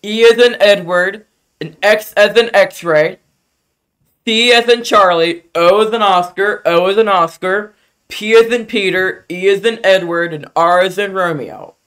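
A young man talks calmly and deadpan to a caller, spelling letters out one by one with patience. His voice is fairly high for a man. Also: measured pace, clear, resonant tone. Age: young adult. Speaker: scam baiter. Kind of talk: prank phone call.

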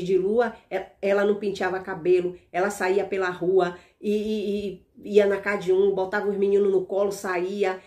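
A woman's voice: mid-range voice, darkish tone. A woman with a Brazilian Portuguese accent telling an evangelical testimony in a casual, emphatic way, repeating words and restarting phrases. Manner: emphatic, repetitive storytelling with restarts. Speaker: evangelical channel host.

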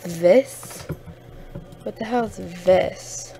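Casting: young woman gamer, casual commentary, relaxed slow delivery, faint background hiss. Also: mid-range voice. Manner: chatty, easily flustered, sniffling.

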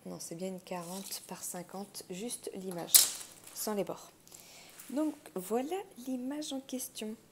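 Woman with gravelly vocal fry, chatting casually. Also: mid-range voice, slow. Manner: chatty, thinking aloud. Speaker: craft unboxing host. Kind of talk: casual unboxing chat. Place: indoors at a wooden table. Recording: handling clicks and crinkling noise. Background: crinkling plastic, clicks.

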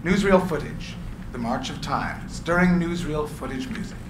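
Here the gravelly-voiced man, his voice worn by recording work, narrates stage directions at a normal speed in a slightly high register with clear expression. A stand microphone captures him in a meeting room before an audience, with echo and background noise.

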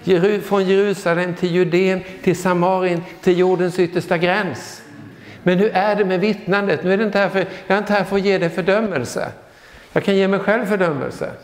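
A man in his sixties giving a lively charismatic sermon, exclaiming hallelujah and joking with the congregation. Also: sits high. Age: 60s. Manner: exclamatory, peppers talk with hallelujahs, joking asides. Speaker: guest preacher. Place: church sanctuary. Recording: echoey church hall with long reverb.

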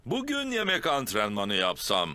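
A man's voice: medium pitch, huge pitch swings, normal speed, bright, forceful tone, clear, resonant tone, dry recording. A man voicing a jolly, boastful, silly father pig in an exclamatory, overconfident way for a children's cartoon dub, with music underneath. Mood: boastful, cheerful.

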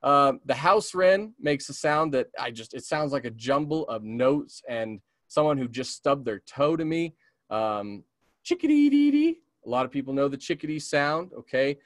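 A man from the American West leads a beginner's bird identification webinar as a community naturalist, often asking "okay?" and imitating bird calls. His mid-range voice is a bit bright and moves at normal speed. The recording is dry and studio quality.

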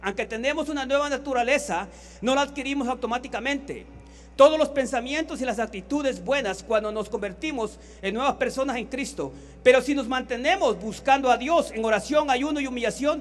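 A man preaching a sermon in a Honduran accent, telling anecdotes and repeating phrases for emphasis. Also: extremely high pitch. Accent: Honduran Spanish.

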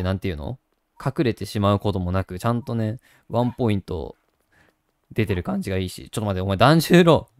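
A man's voice: mid-range voice, dry recording, studio quality. A man hosting a gaming channel, chatting casually and doting on a virtual puppy while reading the game text aloud.

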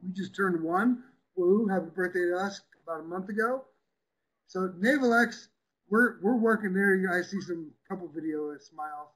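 A man giving a quick, upbeat, chatty presentation in an online meeting. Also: high voice, fairly bright tone, poor audio.

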